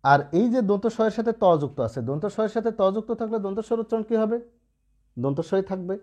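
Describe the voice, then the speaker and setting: A man leads an online pronunciation lesson and keeps pausing to ask whether his students follow. His voice is mellow and warm and sits a little high. He speaks with lively, rising and falling intonation. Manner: patient, asks students rhetorical checks often. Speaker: Bengali pronunciation teacher.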